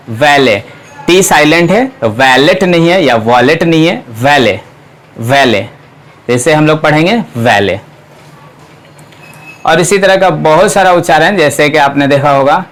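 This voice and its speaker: A man teaching English pronunciation, spelling out words letter by letter and repeating them slowly. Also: on the high side. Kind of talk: pronunciation lesson.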